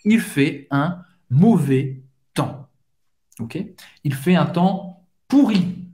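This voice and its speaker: A man gives a language lesson in an unhurried way, letting each phrase land before he repeats it. His voice sits a little high for a man. He talks like a patient teacher running pronunciation drills. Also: expressive, mellow. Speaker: French teacher.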